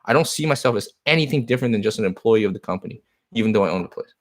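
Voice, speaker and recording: A card shop owner, a man whose native language is Chinese, talks fast in a lowish voice with lively intonation. He answers comments on a live stream, earnest and rambling, repeating himself.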